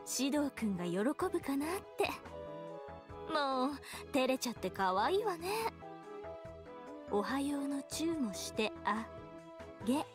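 Natsumi, high-voiced flirty anime temptress. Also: female voice, big pitch swings, slow, pauses often, over music, full character voice. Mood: flirty teasing. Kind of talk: Japanese visual novel voice acting.

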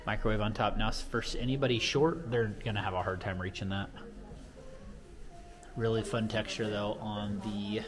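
An American man in his thirties, a real estate vlogger, gives a home tour while walking through a model home and its yard. His voice is lowish and steady at a moderate pace, and his informal, enthusiastic commentary is casual and slangy. It's recorded on a noisy handheld camera at arm's length, with a crowd and ambient sound behind him.

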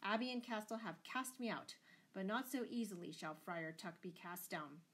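Jolly fat friar for a storybook tale, performed by a woman: impudent, unruffled, calmly making his point. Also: medium pitch, moderate pace, husky. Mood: blithe, defiant. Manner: calm, jovial, pointed. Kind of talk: dramatised storybook reading.

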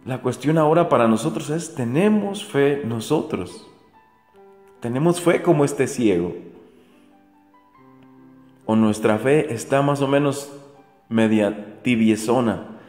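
A man's voice: medium pitch, expressive, takes it slowly, pauses often. Earnest preacher man in an echoey room. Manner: earnest, repetitive rhetorical questions to the faithful. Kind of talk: daily gospel reflection. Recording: echoey room with soft music.

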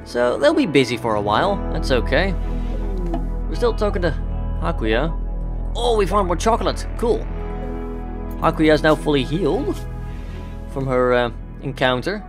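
Young guy rambling through his game, lively up-and-down voice, music playing under it. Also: fairly high pitch. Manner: chatty, upbeat, thinking aloud while playing. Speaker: let's play host. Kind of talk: casual gameplay commentary. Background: background game music.

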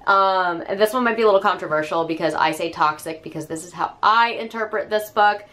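A woman's voice: mid-range voice, brisk, sharp tone. A young woman with a cold, talking enthusiastically in a casual book review vlog, with many fillers. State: hoarse from a cold.

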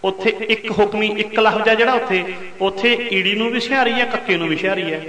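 A man delivers a Sikh katha sermon in a high, ringing voice at a brisk pace, drawing out chanted lines of scripture before pushing on with pointed rhetorical questions. The bright sound carries a long reverb, as if in a large hall.

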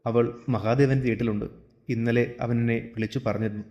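Man doing a calm old dad in a storybook, detached, even tone. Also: medium pitch, fairly quick, dull audio, close to an everyday voice. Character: calm, detached elderly father.

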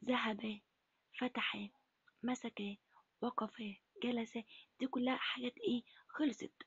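A woman teaching Arabic to first graders in an Egyptian accent, asking questions and answering them herself in a breathy, half-whispered voice. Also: a little high, fairly even intonation, measured pace, fairly bright tone, no room sound, lo-fi sound. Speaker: primary school Arabic teacher. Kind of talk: recorded lesson for first graders.

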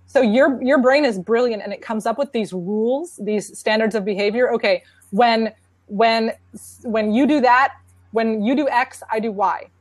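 A woman's voice: a little high, moderate pace, no echo. A woman speaking on a panel about parenting, in an earnest, conversational way. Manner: earnest, conversational, many restarts. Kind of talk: casual conference talk.

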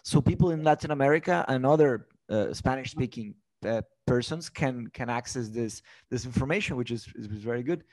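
A young man from Brazil, raised in Mexico, hosting a casual interview with a close studio microphone and often filling pauses with "uh". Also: mid-range voice, darkish tone. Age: young adult. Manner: friendly, fills pauses with uh. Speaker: podcast host. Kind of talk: casual interview on a video call.

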